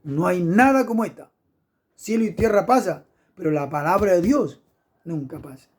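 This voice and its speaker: A man's voice: high-pitched, moderate pace. A middle-aged man preaching an impassioned sermon, fervent and repetitive, punctuated with hallelujahs.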